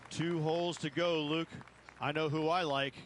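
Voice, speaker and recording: A man's voice: on the high side, fairly even intonation, moderate pace, close to an everyday voice. Man as golf commentator analyst, noisy outdoor backdrop. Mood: assured. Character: knowing, matter-of-fact male golf analyst. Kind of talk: golf broadcast commentary in a video game. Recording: outdoor ambience noise behind voice.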